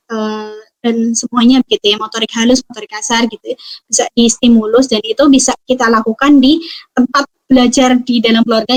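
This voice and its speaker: A woman giving a parenting webinar talk, explaining calmly with frequent fillers and tag questions. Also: fairly high pitch. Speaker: parenting speaker.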